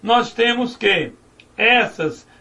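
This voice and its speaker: A man's voice: sits high, expressive, extremely slow, bright, forceful tone, recorded from a distance. A male teacher giving a grammar lesson at a whiteboard, explaining step by step and asking and answering his own questions.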